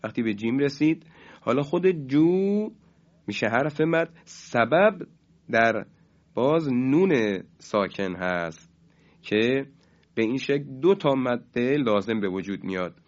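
A man teaching Quran recitation rules in a radio lesson, speaking in a measured way, drawing out key terms slowly and chanting example words louder. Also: mid-range voice, expressive, lo-fi sound.

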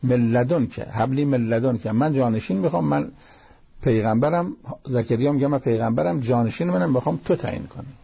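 A man's voice: medium pitch, gravelly, dark tone, slightly rough. A man giving a religious lecture, explaining scripture verses one by one with plain everyday asides. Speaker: cleric teaching Quran commentary.

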